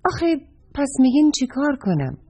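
A woman's voice: big pitch swings, dark tone, breathy edge, heavily acted. Woman doing a whiny little boy. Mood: sad. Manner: high childlike voice. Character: little boy, sad then cheerful. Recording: dull lo-fi recording.

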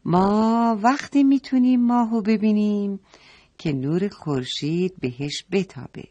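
A woman's voice: medium pitch, warm tone, lo-fi sound, close to an everyday voice. A woman voicing a kind mother who patiently explains things to children in a story. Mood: gentle teaching. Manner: patient, explaining, asking questions.

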